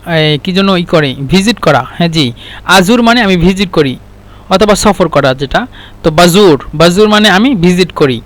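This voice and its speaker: A young man with a fairly high voice leads a vocabulary lesson. He says each word, then its meaning, and often repeats it slowly. He hesitates and restarts a lot, like an unscripted class. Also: a bit bright. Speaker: Arabic language teacher.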